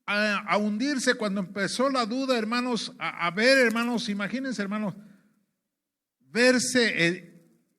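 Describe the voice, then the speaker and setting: A man from Mexico preaching a sermon, constantly calling out to his brothers with rhetorical questions and halting restarts. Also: high-pitched, pushed and bright.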